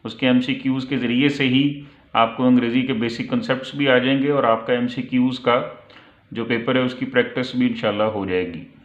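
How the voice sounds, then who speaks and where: A man teaches English online, going through multiple-choice questions at a patient, measured pace. He reads each English phrase slowly before explaining it. The audio is tinny and phone-like, with a roomy echo. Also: medium pitch, fairly even intonation.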